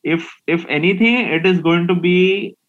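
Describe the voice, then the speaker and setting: A man's voice: high voice, normal speed, fairly bright tone, dull audio. A man with an Indian accent co-hosting casual sports banter. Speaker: podcast co-host.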